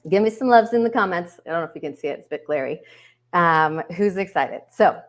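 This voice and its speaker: A woman's voice: lowish voice, expressive, fairly quick. A woman hosting a live online workshop from home, chatting upbeat with viewers in the comments over a webcam. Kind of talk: casual livestream hosting. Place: home, yard work heard outside.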